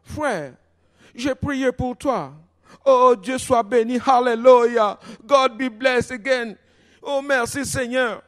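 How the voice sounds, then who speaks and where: A woman's voice: on the high side, takes it slowly, big-room sound, pitched above the performer's own voice. A man doing a fervent praying lady. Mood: fervent praise. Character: devout praying woman, English-speaking, exultant.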